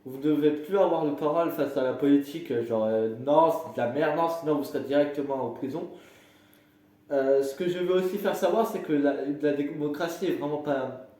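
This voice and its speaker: A man's voice: a little high, fairly quick, warm tone, lightly acted. Man playing Martin, a blustering sailor candidate. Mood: bossy. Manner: hesitant, blustering, full of fillers. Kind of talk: amateur comedy sketch. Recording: very echoey room.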